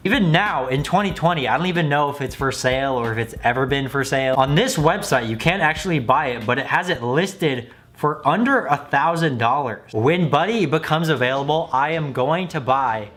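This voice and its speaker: A man's voice: fairly high pitch, expressive, a little fast, hardly any pauses, fairly bright tone. A man giving casual, joking commentary as a video host, critical and mocking in manner. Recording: music playing behind the voice. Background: background music.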